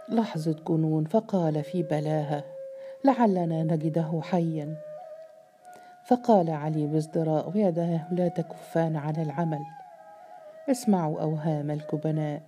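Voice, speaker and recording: Dark, low-voiced woman narrating a novel. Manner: measured, dramatic reading. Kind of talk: scripted audiobook narration.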